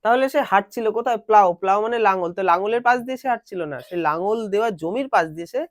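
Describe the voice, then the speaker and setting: A male teacher giving a classroom lesson. He reads English lines slowly, then explains them and quizzes his students. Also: high voice, dry recording, clean studio sound.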